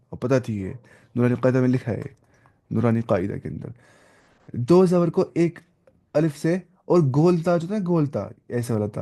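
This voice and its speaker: A male teacher leads a classroom-style lesson on Quran recitation rules. He keeps asking his listeners questions, then answers them himself. He stretches out Arabic words in slow chanted tones and drops English words into his explanations. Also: mid-range voice, mellow.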